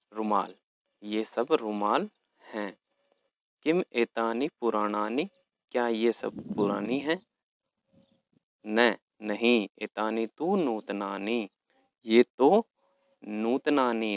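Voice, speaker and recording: Slow, patient man teaching Sanskrit. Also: fairly low pitch, dry recording, dull audio. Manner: slow, patient, spells words out letter by letter. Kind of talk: explaining a textbook lesson.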